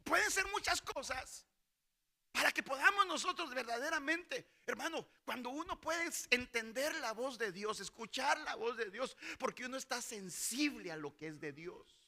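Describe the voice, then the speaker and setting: A man's voice: very high voice, expressive, moderate pace, pushed and bright. A middle-aged male pastor preaching a sermon in a church hall, calling out to the congregation and acting out voices from Bible stories. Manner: preaching with call-and-response to the congregation.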